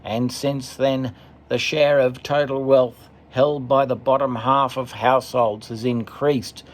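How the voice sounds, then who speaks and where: A man commentating as he reads a list off a screen, steady, with occasional stumbles and asides. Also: medium pitch, takes it slowly. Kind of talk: reading from a screen, casual commentary.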